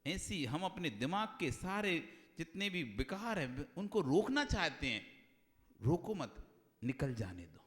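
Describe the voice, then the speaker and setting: A man's voice: big pitch swings, slow pace. Man preaching in a reverberant hall. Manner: swings between hushed low asides and loud high exhortation, repeats phrases. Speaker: Jain monk preacher. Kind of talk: devotional sermon on meditation.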